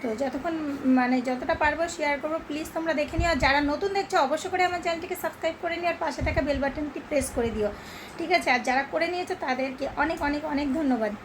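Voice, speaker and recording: A woman's voice: high voice, rapid-fire, background noise. A woman with a Bengali accent chatting casually to her viewers in a daily vlog. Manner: chatty, addresses viewers directly. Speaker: vlogger.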